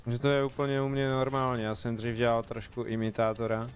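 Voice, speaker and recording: Chatty Czech gamer talking to viewers. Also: male voice, mid-range voice, completely flat delivery, a little hiss or hum. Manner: chatty, talks to viewers and the game, jokey. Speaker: game streamer. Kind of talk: casual live gameplay commentary.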